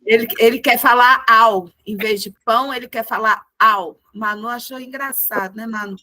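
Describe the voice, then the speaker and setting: A woman teaching a group music lesson over a video call, encouraging the class and chanting words slowly in rhythm. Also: a little high, fairly even intonation, pushed and bright, no echo.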